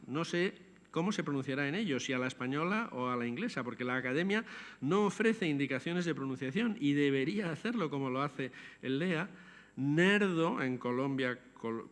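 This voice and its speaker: An older man gives a measured, scholarly lecture, turning to the audience with asides. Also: a little high, fairly bright tone. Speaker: lecturer on language. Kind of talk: academic lecture. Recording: long hall reverb.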